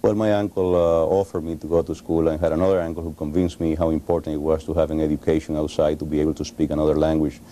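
A man in his forties with a Cuban Spanish accent speaks in a very deep, monotone, dark voice in a TV studio interview. He hesitates often, pausing and restarting his sentences. Faint background hiss sits under his lapel mic. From Cuba. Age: 40s. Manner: halting, frequent uh pauses and restarts. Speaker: interview guest, author.

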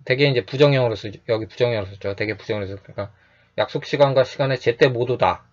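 Speaking at a medium pitch, a man calmly explains and teaches English phrases, repeating every phrase slowly and frequently adding a brief "yes." The audio is dull.

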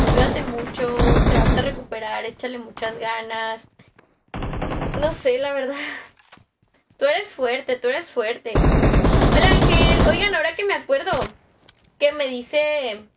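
A woman's voice: high voice, a bit bright, a little hiss or hum. A young woman with a Mexican Spanish accent chatting casually with viewers while she plays, slangy and profane, greeting people by name. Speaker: gaming streamer. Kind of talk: casual livestream chat while playing.

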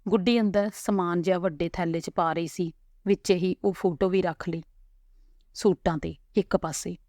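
A woman narrating a family story in a calm, unhurried reading voice. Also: fairly low pitch, no room sound, studio quality.

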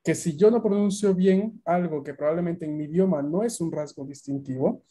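A man's voice: on the high side, normal speed, warm tone. A Latin American man teaching a beginner language class over a video call, explaining at length and often checking that students follow.

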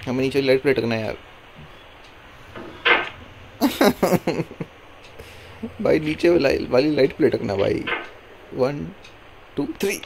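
Hoarse male gamer talking to his character on screen, exasperated and pleading, noisy home mic with clicking behind him. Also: mid-range voice, expressive, slow, pauses often. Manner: talks to his game character, exasperated and pleading, often counting one two three. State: hoarse throat. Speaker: gameplay streamer. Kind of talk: casual gameplay commentary. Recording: noisy recording with mouse clicks.

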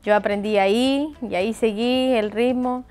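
A woman in her thirties from Argentina, a mechanic and business owner, chats casually in an interview from an open outdoor shed at her home. She speaks in an Argentine accent at normal speed, with a higher-pitched, steady, darkish voice. She laughs easily and acts out what people said to her, while soft music plays in the background.

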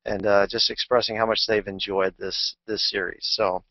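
Male webinar host, lowish voice, grateful and casual, dull dry audio. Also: little pitch movement, moderate pace, no echo. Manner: friendly, thanking, with fillers. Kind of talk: closing remarks of a webinar.

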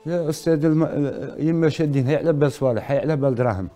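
A man's voice: on the high side, very fast, warm tone. A middle-aged man with an Algerian accent, a talk show guest recounting a personal grievance in clipped, repetitive, stumbling phrases. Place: TV studio.

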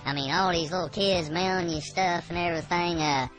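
A woman's voice: fairly low pitch, fairly even intonation, a little fast, faint music behind. A woman co-hosting a comedy radio interview, asking questions in a hesitant, chatty way. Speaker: radio co-host.

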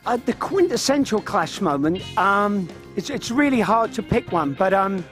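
In a studio, a London-accented man in his fifties sits as a radio guest with headphones on, chatting casually and sharing anecdotes into a studio microphone. His voice is high and fairly bright, swinging widely in pitch at a moderate pace, with soft music playing in the background.

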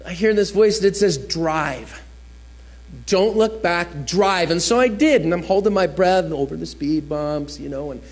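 A man's voice: sits high, a little fast, hardly any pauses, a little mellow. A man from New Jersey preaching a sermon as a chatty personal story, acting out the people he quotes.

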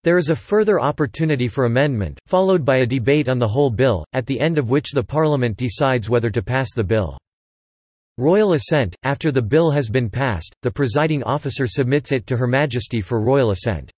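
A synthetic male voice reading an encyclopedia article in a steady, even manner. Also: medium pitch, brisk, dry recording. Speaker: text-to-speech reader.

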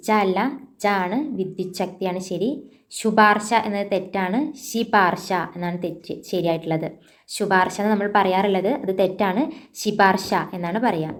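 A woman with a Malayali accent teaching an exam-prep language lesson, repeating each word slowly to correct it and adding casual asides to viewers. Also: mid-range voice.

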